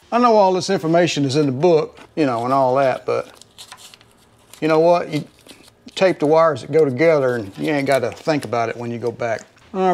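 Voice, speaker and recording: A middle-aged man with a Southern drawl talks his way through a repair job in his home garage. His voice sits a touch higher than most men's. He rambles in a folksy way and keeps calling his viewers folks. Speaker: home mechanic host. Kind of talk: casual how-to narration while working. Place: home garage, working under a car.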